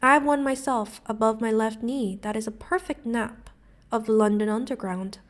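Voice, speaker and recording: Woman reading Dumbledore, calm and gentle. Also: fairly high pitch, normal speed, natural voice. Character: calm old male wizard headmaster.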